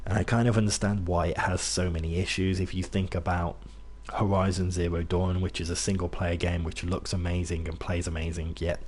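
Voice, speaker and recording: Deep, level, and darkish, the young man's voice runs a little fast with few pauses, and there's slight background noise. He streams games from near Birmingham, speaking in a mixed British accent that isn't Brummie, and chats casually to viewers with rambling fillers and restarts.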